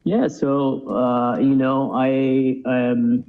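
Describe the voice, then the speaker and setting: A man in his thirties, born in Cuba and raised in the USA after moving there as a child, chats reflectively as a podcast guest in a casual conversational interview, often saying "you know." His mid-range voice is level and extremely slow. The audio sounds narrow and tinny.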